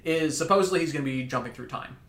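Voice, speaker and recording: A man's voice: fairly high pitch, quick pace, a bit bright, roomy sound. A man co-hosting a podcast, chatting eagerly as a fan. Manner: enthusiastic, chatty fan talk. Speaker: podcast co-host. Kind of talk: casual chat.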